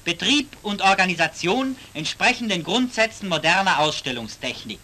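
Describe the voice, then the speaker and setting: Guy doing old newsreel narration, high voice, stiff declamatory announcer style, faint music under it. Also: expressive, moderate pace. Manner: formal, declamatory announcer delivery. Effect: old newsreel recording played from archive.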